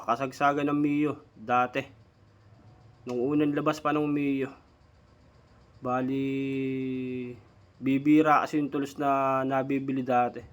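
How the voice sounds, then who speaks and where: A Filipino DIY mechanic vlogger gives a casual, hands-on tool demo, chatting informally to his viewers. His voice is mid-range, missing front teeth slightly slur his words, and the sound is lo-fi.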